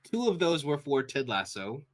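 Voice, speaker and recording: A man's voice: medium pitch, very animated, normal speed. A man from Washington State with an American accent, telling stories as a guest in a casual interview, full of fillers and restarts. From Washington State, USA. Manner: rambling, filler-heavy, acts out quoted speech. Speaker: sound designer guest.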